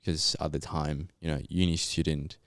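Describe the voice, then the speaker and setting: A man's voice: extremely low pitch, level tone, moderate pace, fairly bright tone, no echo, clean studio sound. A young man from Colombia, a native Spanish speaker, telling his story casually in an interview with laid-back, slangy Australian-style phrasing. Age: young adult. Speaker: podcast guest, geologist.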